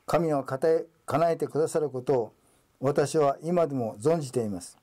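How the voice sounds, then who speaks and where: A man's voice: fairly high pitch, normal speed, dark tone, lightly acted. A man reading the lines of Martha, a grieving devout woman, in an earnest scripture reading.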